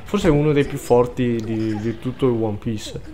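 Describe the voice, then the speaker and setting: A young man commentating his gameplay, swearing often, muttering and then bursting into frantic shouts. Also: mid-range voice, moderate pace, background noise. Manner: swears a lot, frantic outbursts, mutters under breath. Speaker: gaming let's player.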